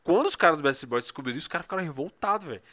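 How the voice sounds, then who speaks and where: A man's voice: fairly high pitch, animated, racing, fairly bright tone. A Brazilian man co-hosting a casual podcast, talking in an informal, slangy way. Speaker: podcast co-host.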